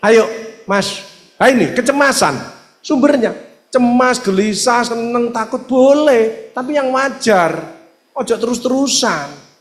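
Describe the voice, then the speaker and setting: A man with an East Javanese accent, a doctor giving an animated religious health seminar talk, acting out dialogues. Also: extremely high pitch, unhurried. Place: seminar hall. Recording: echoey hall reverb.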